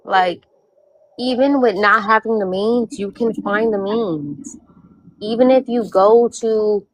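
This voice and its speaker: A woman's voice: mid-range voice, a little hiss or hum, rough recording. A woman born in Puerto Rico speaks earnestly as a panel guest, pressing her point and repeating herself when she cuts in. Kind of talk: casual panel discussion.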